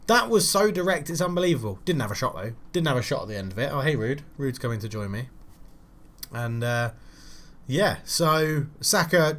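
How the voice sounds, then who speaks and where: A young man giving casual, frustrated commentary while playing a football management game, swearing and shouting at his players. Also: medium pitch. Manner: frustrated, swears, loud outbursts at his team. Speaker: gaming channel host.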